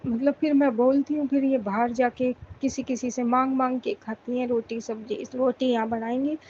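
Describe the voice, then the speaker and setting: A woman's voice: high voice, fairly even intonation, moderate pace, darkish tone, highs cut off, a little hiss or hum. Pleading woman in devotional prayer. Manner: pleading, emotional, prayerful repetition. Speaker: devotee sharing a personal prayer. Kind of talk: devotional monologue.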